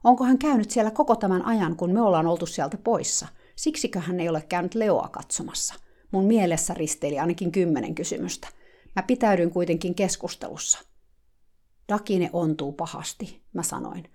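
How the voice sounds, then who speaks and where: A woman's voice: on the low side, mellow. A woman telling a dramatic first-person diary story in a confiding, casual way.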